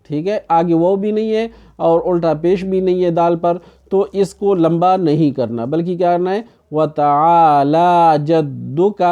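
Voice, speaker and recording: A man teaching an online Quran recitation lesson, asking questions and answering them himself, then chanting the verses slowly to show how they should sound. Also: high voice, warm tone, muffled recording.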